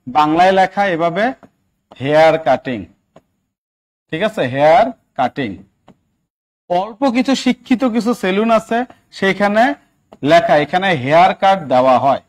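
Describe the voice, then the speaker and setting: A male English grammar teacher with a Bangladeshi Bengali accent runs a live online exam-prep class. His voice sits a little high for a man. He keeps asking the class questions and coaxing answers, checking often that everyone follows.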